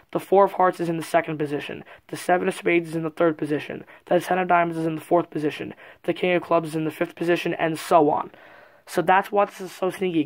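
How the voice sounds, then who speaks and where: A presenter giving an informal, explanatory step-by-step card trick tutorial in a casual way. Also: mid-range voice. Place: indoors at a card table.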